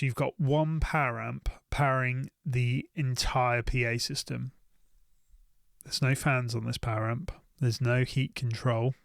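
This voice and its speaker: A British YouTube gear reviewer offers casual, unscripted shopping commentary, thinking out loud and often repeating short phrases. His mid-pitched, fairly bright voice carries lots of vocal fry, recorded close and dry with no echo.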